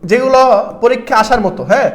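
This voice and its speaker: High-voiced young male tutor, drills exam questions by repeating them. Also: quick pace. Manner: repeats questions and answers, addresses students as brothers. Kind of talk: exam-prep class lecture.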